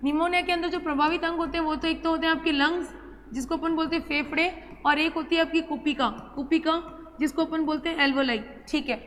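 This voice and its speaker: A woman's voice: high voice, steady tone, fairly quick, a bit bright. A woman teaching a biology class, who repeats key terms, quizzes her students and fondly calls them child. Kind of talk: classroom lecture at a board. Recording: hall reverb with faint ambient noise.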